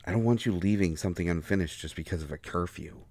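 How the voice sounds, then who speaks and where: In an intimate roleplay audio drama, a man plays a devoted, anxious healer, speaking earnestly and haltingly to his partner. His voice sits low with a darkish tone, and the mood is tender and reassuring.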